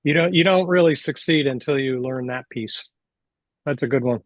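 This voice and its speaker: A man's voice: medium pitch, moderate pace. A man hosting a business podcast, asking questions and giving short affirming replies over a video call. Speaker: podcast host, business coach. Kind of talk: interview questions and encouragement. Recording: muffled lo-fi audio.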